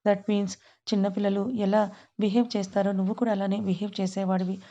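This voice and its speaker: A woman reading the lines of a calm middle-aged father who talks in a gentle, reassuring way. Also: medium pitch, a little fast, highs cut off, close to an everyday voice.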